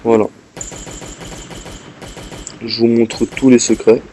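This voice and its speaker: Coughing and a bit under the weather, a gameplay commentator casually narrates his playthrough, explaining steps to viewers and talking to the game. His medium-pitched voice is level and dark in tone, and his pace is slow. There's slight background noise.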